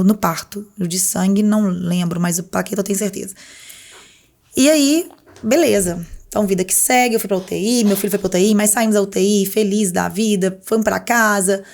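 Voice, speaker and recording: Speaking a little quickly in a mid-range voice with vocal fry, a woman recounts her story as a podcast guest in a casual interview. She animatedly acts out the words of the people involved.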